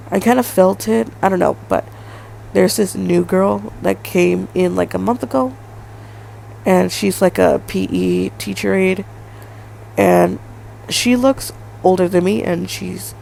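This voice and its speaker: A woman's voice: fairly low pitch, gravelly, darkish tone, a little hiss or hum, poor audio. A woman in her twenties hosting a solo podcast, talking in a rambling way with lots of fillers and hedges. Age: 20s. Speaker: podcast host. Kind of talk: casual solo podcast monologue.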